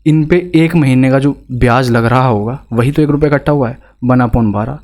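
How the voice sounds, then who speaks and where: An Indian-accented male math teacher leads an exam-prep lesson, walking through problems step by step and posing rhetorical questions to students. His voice is mid-range and somewhat dark, at a normal speed.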